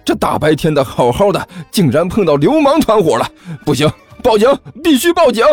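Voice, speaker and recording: A man voicing a cheeky male student who loudly plays innocent and protests. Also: high voice, wildly swooping pitch, moderate pace, soft background music, voice pushed up, heavily acted. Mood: indignant.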